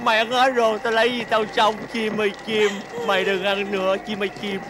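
An actor playing a lazy, greedy farmer husband who whines and complains. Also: male voice, sits high, monotone, brisk, lightly acted. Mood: pleading. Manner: whiny, grumbling and complaining. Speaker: greedy farmer husband in a folk-tale film. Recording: noisy old film soundtrack.

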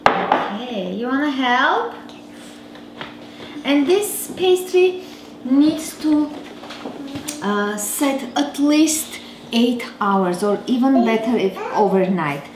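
This thirtysomething woman, who has an Armenian accent, sounds high-pitched and animated, yet she talks slowly and leaves long pauses. She's hosting a cooking show in her big home kitchen, teasing her child as she demonstrates a recipe, while dishes and cutlery clink in the roomy background.

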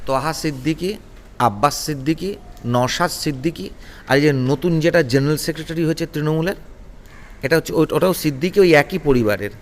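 A combative man, talking in a high-pitched voice as he fires off rhetorical grievances in bursts. His voice echoes with a long reverberant tail, as in a large room. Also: fairly quick. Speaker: political guest. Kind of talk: heated political interview.

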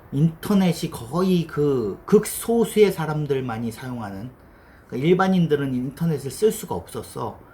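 Middle-aged man, lively pitch, blunt teasing mentor type, faint background hum. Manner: blunt, teasing, swears casually; voices his past self and others in quoted asides. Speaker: developer giving career advice. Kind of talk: casual lecture.

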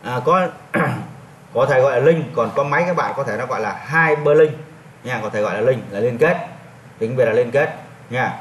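A male teacher walking a class through software steps, repeating each step as he clicks. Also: medium pitch, a little fast, slight background noise. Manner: repetitive, talks while clicking through steps. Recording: echoey classroom, mic at a distance.

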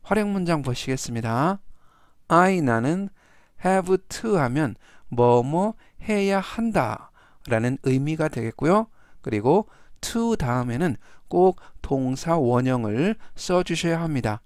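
A man's voice: a little high, expressive, slow pace, no echo, studio quality. A man teaching vocabulary in a patient, methodical way, saying each word three times and then explaining its meaning and use. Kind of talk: slow, methodical vocabulary lesson.

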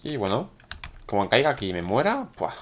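A hoarse man commentates his own gameplay, chatty and excitable as he talks straight to his viewers. His voice sits low but leaps up and down in pitch. Keyboard and mouse clicks sound faintly behind him. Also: brisk, slight background noise. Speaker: gaming YouTuber.

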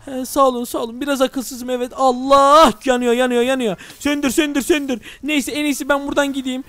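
A young man narrating a Minecraft let's-play to his viewers, excitable and full of exclamations. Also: very high voice, brisk, no room sound. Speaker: gaming YouTuber.

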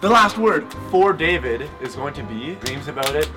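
A man's voice: on the high side, animated, moderate pace. A young man co-hosting a casual word game video with joking, slangy banter. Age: young adult. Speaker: challenge video co-host. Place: outdoors against a house window. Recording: background music under the voice.

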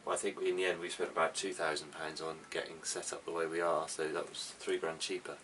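With a rumbling low, fairly bright voice, this boat owner talks a little fast and keeps his pitch mostly steady. He's in his thirties, casually and practically explaining the equipment in his sailboat's cramped cabin. The slightly distant mic picks up faint background noise indoors.

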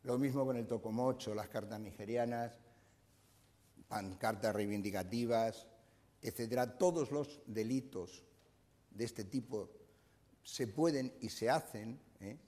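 A man's voice: mid-range voice, measured pace, dark tone. Older man lecturing in an echoing hall. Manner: explanatory, frequent "eh" fillers and restarts. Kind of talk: conference talk. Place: university lecture room.

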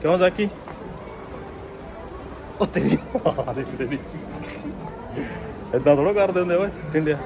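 A man with a slightly raised pitch talks to his viewers while he walks through a large indoor mall. He speaks in a chatty, joking way into a handheld phone. Music plays clearly behind him. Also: normal speed, long pauses, poor audio. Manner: chatty, teasing, addresses viewers. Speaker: vlogger. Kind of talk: casual vlog chat.

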